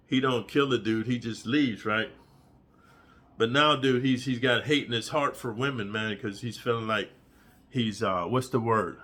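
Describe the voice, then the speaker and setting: A man tells a story in a loose, crude monologue with a bright, forceful tone at an ordinary pitch. He rambles and leans on "dude" and "bro", and now and then leaps into high, squeaky voices for the people he quotes.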